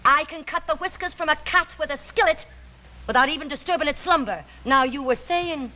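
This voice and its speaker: An actress playing a feisty, proud and warm-hearted Irish frontier woman in a TV western, with outspoken, lilting, folksy speech. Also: high-pitched, fairly quick. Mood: defiant. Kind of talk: 1960s TV western acting.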